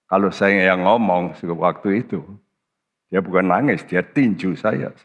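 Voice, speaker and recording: A very low-voiced man preaching in a church, his words carrying a long hall reverb. He talks slowly and deliberately, leaning hard on key words with sudden high jumps in pitch. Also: dull audio. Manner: slow and emphatic, with sudden high-pitched stresses. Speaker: pastor. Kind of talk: sermon.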